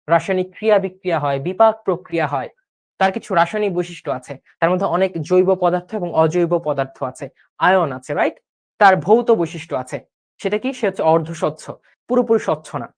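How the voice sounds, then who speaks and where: A young man, a biology tutor running a brisk recap lesson online, firing questions and checking in often. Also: high voice. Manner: mixes English words into his speech.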